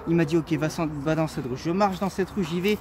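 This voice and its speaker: Man, 20s, from France; earnest, halting storyteller, slightly high voice, recorded outside with traffic behind. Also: darkish tone. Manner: earnest, halting with many fillers. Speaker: testimony speaker. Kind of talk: casual personal testimony. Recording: clear street noise behind.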